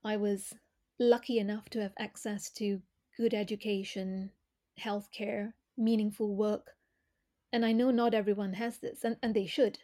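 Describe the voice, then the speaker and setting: A woman from Malaysia, a former corporate director, answering interview questions in a thoughtful, measured way with frequent fillers. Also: medium pitch, level tone, mellow.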